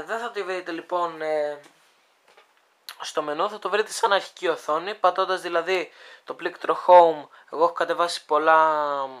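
Chatting with viewers as if they were friends, a creator casually walks through a phone app onscreen, hesitating often while thinking aloud. Their mid-range voice is clear, resonant, and slightly bright.

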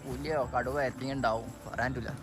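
A man's voice: mid-range voice, fairly even intonation, fast, over music. A young man with a Malabar Malayalam accent, bantering casually with a companion outdoors, with some English words mixed into his Malayalam. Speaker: vlogger. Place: outdoors on a hilltop.

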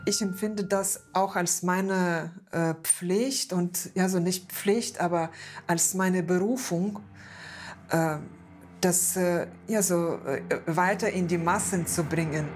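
A woman in her thirties from Ukraine, speaking German with a Ukrainian accent in an interview, halting and full of fillers. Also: lowish voice, steady tone, darkish tone, soft background music. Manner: hesitant, many fillers. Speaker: interpreter helping refugees. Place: bright living room indoors.

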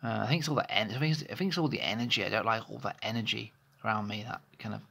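This vlogger, a man in his thirties, talks rapid-fire in a fairly low voice marked by vocal fry, brightness, force and a breathy edge. He's recording a candid personal monologue on a phone held close to his face in a small bedroom, hesitating and restarting repeatedly.

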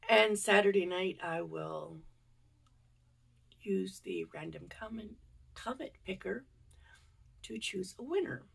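Stuffy, gravelly-voiced woman vlogger. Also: mid-range voice, expressive, takes it slowly, pauses often. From United States. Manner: rambling, chatty, many fillers. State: stuffy and congested from a cold. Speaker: yarn channel vlogger. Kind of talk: casual chat to camera.

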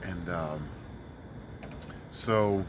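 A man's voice: low-pitched, extremely slow. A middle-aged man from Mississippi, a street musician talking earnestly with many fillers in a casual outdoor interview. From Mississippi, US South. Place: outdoors in a city park by a street. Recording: outdoor street noise behind.

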